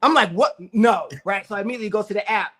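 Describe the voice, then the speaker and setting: Animated high-voiced man talking sports. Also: racing. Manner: animated storyteller, acts out friends' lines. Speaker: sports show co-host. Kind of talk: casual sports talk.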